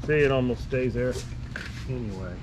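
Middle-aged man, wry and chatty hobbyist, camera-mic sound with steady background noise. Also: medium pitch, normal speed, dull audio. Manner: chatty, wry, chuckling asides. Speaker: model railroad hobbyist, co-host. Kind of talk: casual chat while unboxing. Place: garage workshop and train room, indoors. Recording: noisy home video audio.

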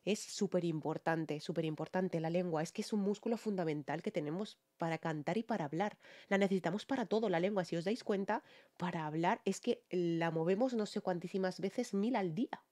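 A woman with a Peninsular Spanish accent, a singer giving excited music reaction commentary to her viewers, often repeating words for emphasis. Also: fairly low pitch, a little fast. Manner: talks to viewers with frequent tag questions.

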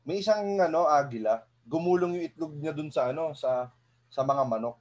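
A man giving a lively seminar talk to an audience, often asking them rhetorical questions and chuckling. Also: a little high, normal speed. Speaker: motivational speaker.

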